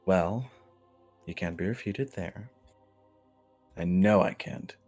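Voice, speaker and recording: A man's voice: low voice, slow pace, a little mellow, soft background music, full character voice. A man voicing a haughty, scheming noblewoman mother who talks in a scornful, cutting way.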